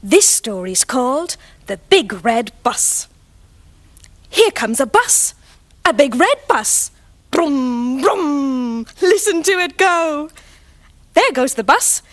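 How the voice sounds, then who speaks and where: A woman playing a friendly grown-up who reads a picture book aloud to children in a sing-song, expressive way. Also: high-pitched, slow pace, full character voice. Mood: storytelling. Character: friendly grown-up carer named Judy. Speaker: storyteller to children. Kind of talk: children's TV acting, reading aloud.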